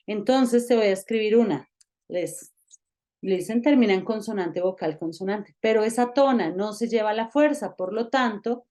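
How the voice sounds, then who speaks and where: A woman teaches an online grammar lesson. She speaks slowly, with a mid-range voice. She explains rules step by step and checks in with the learner often. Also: mid-range voice, darkish tone. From Colombia. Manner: patient, explanatory, addresses the learner directly with check-ins. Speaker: English teacher.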